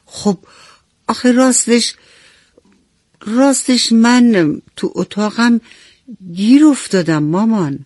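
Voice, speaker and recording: A woman's voice: low voice, a little mellow, no room sound, clean studio sound. A woman voicing a small, upset little boy who pleads sheepishly in a bedtime story. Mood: sulky. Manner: pleading, childlike.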